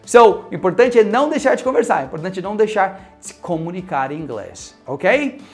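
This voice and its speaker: A man's voice: high voice, fairly quick, faint music behind. A man with a Brazilian Portuguese accent giving a casual English lesson, mixing in English phrases and checking in often with the viewer. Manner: animated, mixes in English phrases, keeps checking in with "ok?". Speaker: English teacher.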